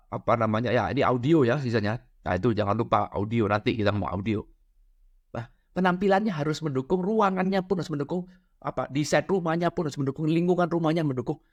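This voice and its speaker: A middle-aged man giving a casual spiritual lecture, lively and constantly checking in with his listeners with tag questions. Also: on the high side, muffled recording. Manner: lively, peppers talk with "ya" and "benar ya?".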